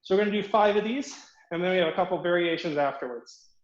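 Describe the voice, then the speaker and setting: A man's voice: high-pitched, quick pace, roomy sound, lo-fi sound, a little hiss or hum. A man coaching an online fencing footwork class, counting reps aloud as he demonstrates drills, out of breath from the exercise.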